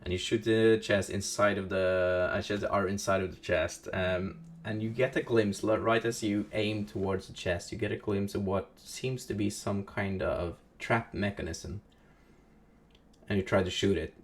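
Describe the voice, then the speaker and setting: A man's voice: fairly low pitch, steady tone, normal speed, slight background noise. A man narrating as game master of a tabletop game, hesitant with many fillers, with music playing behind.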